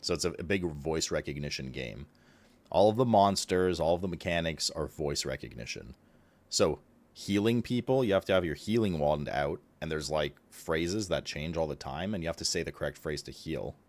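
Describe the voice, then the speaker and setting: A man's voice: very deep voice, lively intonation, normal speed, no room sound. A man streaming, chatting casually about a game, swearing freely and laughing often.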